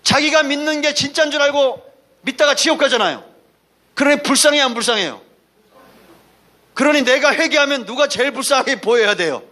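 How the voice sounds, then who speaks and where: A man's voice: extremely high pitch, brisk, pauses often, bright, forceful tone. A man preaching a Sunday sermon as pastor, emphatic and folksy, calling for responses from the congregation between anecdotes. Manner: folksy, mixes asides and anecdotes.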